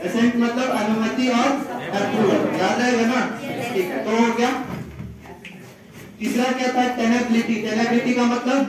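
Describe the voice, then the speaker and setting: High-voiced man teaching a class in an echoey room. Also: flat delivery, normal speed, long pauses. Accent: Chhattisgarh. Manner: questions the class and repeats answers. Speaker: English teacher. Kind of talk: classroom vocabulary lesson. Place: large echoey classroom with students. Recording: very echoey room, distant mic, student chatter.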